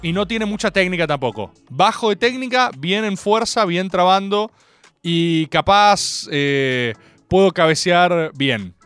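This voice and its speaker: Young argentine guy on the radio, high voice swinging all over, dry studio sound, faint music behind, jokey rambling. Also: a little slow, clear, resonant tone, no room sound. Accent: Argentine Spanish. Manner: animated, jokey, rambling storyteller. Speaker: radio host. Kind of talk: casual radio monologue.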